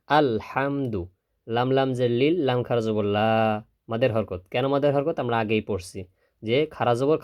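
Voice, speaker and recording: A man teaching Quran recitation step by step, who drills slowly, repeats syllables, and asks and answers his own questions. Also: medium pitch, darkish tone. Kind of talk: step-by-step spelling lesson.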